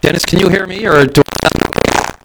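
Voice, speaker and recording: A man's voice: high-pitched, fast, heavy background noise. A male radio host talking while his connection breaks up and drops out, checking whether he can still be heard. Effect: audio breaking up, connection cutting out. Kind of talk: casual on-air chat. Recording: broken-up, dropping-out line.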